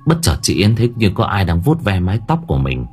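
A man's voice: deep voice, sing-song, fast talker, a little mellow, husky. A man narrating a horror story in a dramatic storytelling manner. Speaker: audiobook narrator. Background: faint background music.

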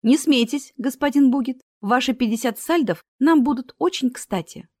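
Feisty young sorceress, higher and louder than the reader's own voice, dry close sound, played by a woman reader. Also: moderate pace, no echo. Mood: spirited. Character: bold young sorceress, quick-tempered and sharp-tongued. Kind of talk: audiobook character reading.

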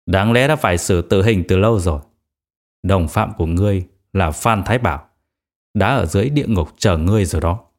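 A man's voice: fairly low pitch, normal speed, pauses often. A man voicing a merciless adult male assassin who speaks coldly, passing sentence on his victims in an audiobook. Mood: cold, menacing. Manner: cold, flat pronouncement of sentences.

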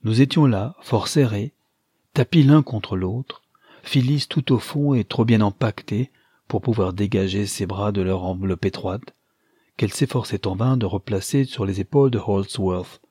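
A man narrating a classic novel in a measured, literary reading. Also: lowish voice, dark tone, breathy edge, no echo, clean studio sound. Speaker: audiobook narrator. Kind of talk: scripted narration.

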